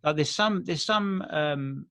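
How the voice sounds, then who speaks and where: A man's voice: on the high side, takes it slowly, fairly bright tone, clear, resonant tone. A man co-hosting a podcast, chatting in a blokey, sweary, rambling comic way. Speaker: podcast co-host. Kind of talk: casual comedic banter.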